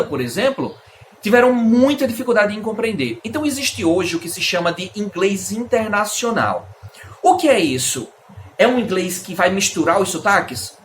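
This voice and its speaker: Lively Brazilian man teaching. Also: high voice, slight background noise. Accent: Brazilian Portuguese. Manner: lively explaining, asks and answers his own questions. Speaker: English teacher. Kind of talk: casual video lesson.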